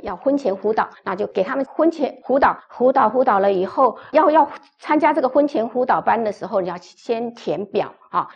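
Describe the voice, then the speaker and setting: A woman's voice: medium pitch, creaky, slightly rough, highs cut off. A woman pastor preaching a sermon, telling a story with emphatic, repeated phrases.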